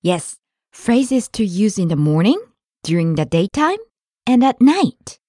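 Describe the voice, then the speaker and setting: A woman's voice: medium pitch, big pitch swings, a little slow, dark tone, dry recording, studio quality. A woman co-hosting a scripted language lesson podcast, speaking with careful, model pronunciation.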